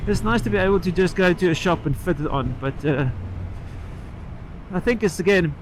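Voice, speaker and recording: A man with a fairly high voice rambles casually as he rides, speaking into a microphone inside his helmet. He trails off and picks up again in an unscripted vlog style. Faint engine and road noise sits behind him. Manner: halting, trailing off and picking the thread back up. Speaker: motorcycle vlogger. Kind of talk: casual rambling vlog chat while riding. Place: inside a helmet on a moving motorcycle outdoors.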